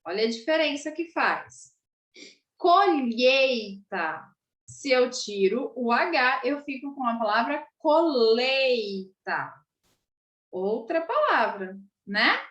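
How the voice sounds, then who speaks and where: Brazilian lady teaching kids, slow and sing-songy, kinda high, echoey room. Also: sing-song, a bit bright. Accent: Brazilian Portuguese. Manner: patient, tag-question checks, sounds out syllables. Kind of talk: slow, explanatory video lesson for children.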